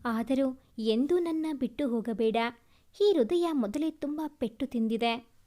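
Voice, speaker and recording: Female narrator as short-fused young husband, high-pitched, storybook reading. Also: a little slow, warm tone. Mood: pleading tender. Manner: pleading, then harsh and scolding. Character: brooding young man confessing love, quick-tempered.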